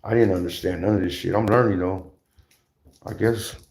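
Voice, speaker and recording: The voice sits low, with a steady, creaky, darkish tone, as a man rants offhandedly on his livestream. He wanders and repeats, swearing and slinging slang, and keeps stalling and restarting.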